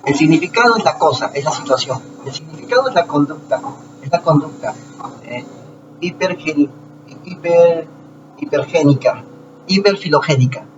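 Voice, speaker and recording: A man talking to his viewers in a casual lecture, explaining slowly with rhetorical questions and frequent restarts. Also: on the high side, lively intonation. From Peru. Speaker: channel host. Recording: distant lo-fi mic with noise.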